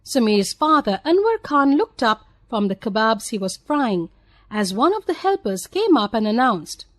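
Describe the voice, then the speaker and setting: A woman with an Indian English accent reads a textbook story aloud, clear and expressive. Her voice sits high and rises and falls a lot. The sound is dry and close to the mic. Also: no echo. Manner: clear, expressive, measured reading. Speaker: textbook audio narrator.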